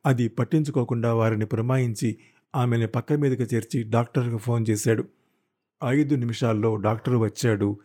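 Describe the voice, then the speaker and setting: A man reading a novel aloud as an audiobook narrator, telling the story in a steady, measured way. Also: medium pitch.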